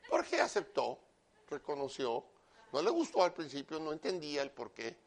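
A man delivers a sermon in a loud, emphatic voice with a gravelly edge. His voice sits somewhat high for a man, and he talks straight to his listener, mixing earnest preaching with joking asides. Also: normal speed, a faint crowd. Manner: animated, with joking asides and repeated direct address to the listener.

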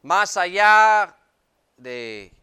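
A man preaching a sermon to his congregation in a church, speaking emphatically and swinging between loud and quiet. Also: high voice, big pitch swings, extremely slow, smooth. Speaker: pastor.

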